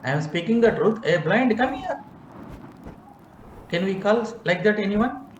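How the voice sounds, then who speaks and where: A man's voice: high-pitched, normal speed, roomy sound, lo-fi sound, a little hiss or hum. A man giving an online yoga philosophy lecture over a video call, speaking emphatically, asking rhetorical questions and repeating key points. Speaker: yoga teacher.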